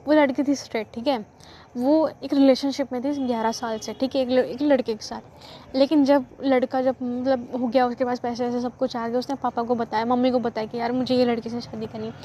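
A woman's voice: fairly high pitch, fairly even intonation, fairly quick, mellow, slight background noise. A woman casually retelling a story in a chatty, rambling way, often correcting herself, recorded lo-fi. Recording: dull lo-fi with faint ambience.

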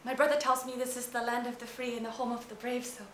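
A woman's voice: a little high, little pitch movement, fast talker, fairly bright tone, a little hiss or hum, close to an everyday voice. A woman acting a young immigrant girl with a Singaporean accent who speaks hesitantly and giggles a lot, in a roomy space. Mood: nervous. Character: nervous young immigrant girl, earnest and playful. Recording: roomy stage sound.

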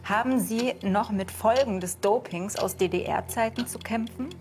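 A woman hosting a studio talk show, reading out viewer questions in a clear, measured way. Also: mid-range voice, darkish tone, a little hiss or hum. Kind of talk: moderated discussion.

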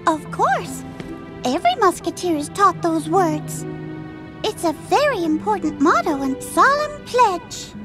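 A woman voicing a sweet, earnest mouse princess with a squeaky, genteel way of speaking in a game cutscene. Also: big pitch swings, unhurried, music in the background, heavily acted. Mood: relieved, gracious. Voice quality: squeaky, high. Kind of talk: scripted video game cutscene acting.

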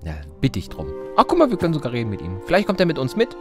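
Animated male gameplay commentator. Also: on the high side, rapid-fire, music in the background. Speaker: let's play commentator.

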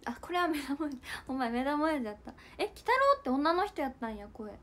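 A woman's voice: high-pitched, lively intonation, brisk, fairly bright tone. A young woman hosting a casual livestream, chatting with viewers and reading comments in a bubbly, giggly way. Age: young adult. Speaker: idol livestream host.

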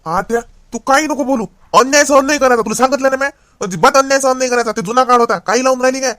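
A man's voice: very high-pitched, very fast, a bit bright, no room sound, studio quality. A young man playing an educated nephew in a comedy skit, lecturing insistently. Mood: indignant.

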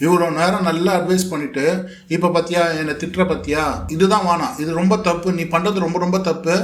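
A man with a notably high voice talks back to a video clip in casual commentary. His replies are sarcastic and mocking. The sound is roomy and echoey. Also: steady tone, a little fast. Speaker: reality show commentator.

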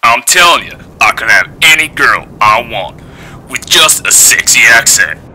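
A man's voice: medium pitch, expressive, measured pace, bright, forceful tone, heavily acted. A man playing a smarmy fake-French flirt. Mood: boastful.

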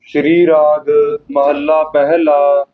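A man reciting Sikh scripture line by line in a measured chant, as a student in a lesson. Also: on the high side. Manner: very slow, flat, measured reading line by line. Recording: tinny phone-like audio.

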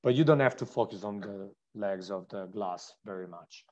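A man's voice: on the low side, moderate pace, dull audio. A man with an Italian accent hosting a live online wine tasting, describing wines with enthusiasm and frequent restarts. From Italy.

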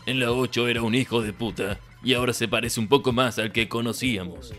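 A man's voice: mid-range voice, steady tone, a little fast, fairly bright tone, close to an everyday voice. A man with a Latin American Spanish accent voicing a grumpy, sardonic old evil emperor in a comic parody review. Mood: exasperated. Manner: sardonic, exasperated, swearing. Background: background music.

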